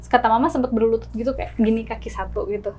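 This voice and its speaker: In a casual chat, a woman guest recounts her own experience, acting out the scenes with gestures and quoted dialogue. She talks fast and sounds lively, her husky voice pitched on the high side.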